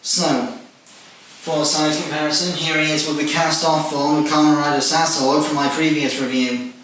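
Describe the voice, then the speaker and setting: A man's voice: on the high side, little pitch movement, normal speed, fairly bright tone. A man giving a methodical toy review, listing parts and features one by one. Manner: methodical, listing details with "and whatnot". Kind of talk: casual toy review walkthrough. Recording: very echoey room, distant mic, faint noise.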